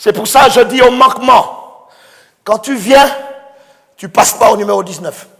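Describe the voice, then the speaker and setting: A male pastor preaching a sermon fervently, swinging from hushed tones to shouts. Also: high-pitched, normal speed, gravelly. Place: church. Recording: echoey church hall with congregation.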